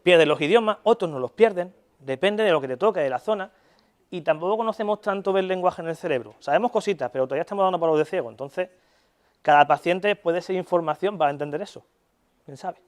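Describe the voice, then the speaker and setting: A man's voice: high-pitched, quick pace. A young Spanish man giving a university lecture in a casual, chatty way, often checking in with his listeners and swearing in jest. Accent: Spanish (Spain). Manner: casual, chatty, frequent "¿vale?" check-ins. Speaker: neuropsychology lecturer.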